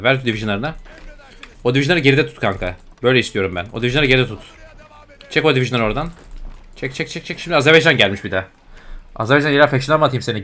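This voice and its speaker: Fast-talking young man narrating gameplay. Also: mid-range voice, fairly bright tone. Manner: exasperated, grumbling at the game, slangy. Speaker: gaming YouTuber. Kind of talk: casual let's-play commentary.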